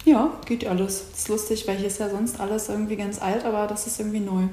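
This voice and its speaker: A woman's voice: mid-range voice, little pitch movement, fast, dark tone. A woman vlogger musing dreamily while exploring, often whispering. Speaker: vlogger exploring a mystery villa. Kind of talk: casual exploring chat. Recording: roomy echo, faint noise.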